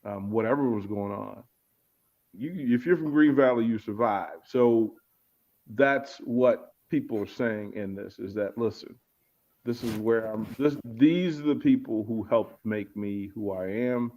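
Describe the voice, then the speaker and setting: This guest speaker from Arlington, Virginia has a lowish, darkish voice and talks a little slowly. In a casual interview he thinks aloud, reflectively repeating words as he hunts for how to say things, on muffled, lo-fi audio.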